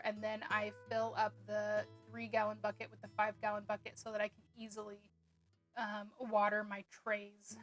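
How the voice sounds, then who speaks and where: A woman's voice: fairly high pitch, a bit bright. A woman narrating a casual homemaking vlog, chatty and rambling with frequent ums and little laughs. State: hiccuping. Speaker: homemaking vlogger.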